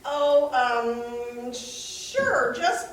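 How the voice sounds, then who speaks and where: A woman's voice: high-pitched, expressive, extremely slow, heavily acted. A woman acting a flustered, evasive diner waitress with a nervous, blurting manner in an amateur stage comedy. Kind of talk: amateur comic stage play. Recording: distant echoey hall, noisy, clicks.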